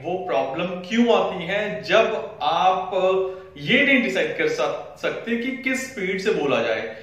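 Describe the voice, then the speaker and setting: Male tutor, mid-high voice, instructive and repetitive, very reverberant room, mic at a distance. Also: fairly bright tone. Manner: instructive, repeats points for emphasis. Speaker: exam prep teacher. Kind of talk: explanatory lesson, mixing Hindi with English phrases.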